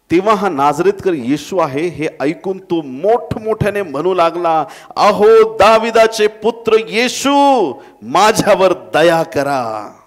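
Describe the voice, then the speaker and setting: Slow, dramatic man preaching a sermon. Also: sits high. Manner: dramatic preaching, acting out crowd voices and addressing the church. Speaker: pastor. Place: church.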